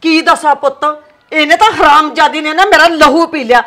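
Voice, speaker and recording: A woman's voice: steady tone, a little fast, sharp tone. A woman playing a quarrelsome mother-in-law who scolds and threatens, with a Punjabi accent, in an amateur short film. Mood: complaining. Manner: shrill nagging and threatening.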